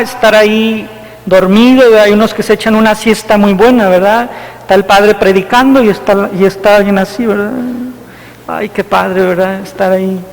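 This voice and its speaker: A parish priest delivers a homily in an unusually high voice. He talks to the congregation casually, peppering his points with rhetorical questions. His voice rings through a church with a long, trailing reverb. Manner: conversational, rhetorical questions with frequent "¿verdad?". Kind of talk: sermon.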